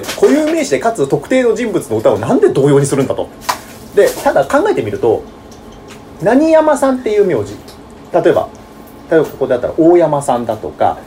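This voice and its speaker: A man hosting a radio show, chatting casually and joking, with many fillers and fast talk. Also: fairly high pitch, mellow, a little hiss or hum. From not from the Kansai region.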